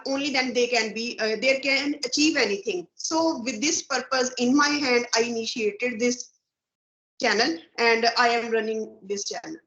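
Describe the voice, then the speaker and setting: A woman with a slightly high, fairly bright voice answers as a guest YouTuber in an interview, speaking formally and encouragingly, almost like a speech. The audio sounds muffled and roomy.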